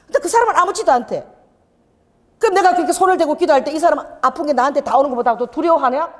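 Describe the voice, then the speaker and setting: A middle-aged woman pastor preaching a lively Pentecostal sermon, telling a healing story and firing off rhetorical questions. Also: high voice, racing. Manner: animated preaching, rhetorical questions, acts out scenes. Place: church sanctuary. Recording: church hall reverb.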